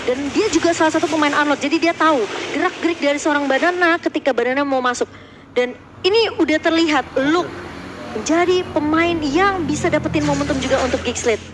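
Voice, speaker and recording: A woman with an Indonesian accent giving excitable live esports match commentary as play-by-play caster, drawing out words in big moments. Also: high voice, brisk, background noise.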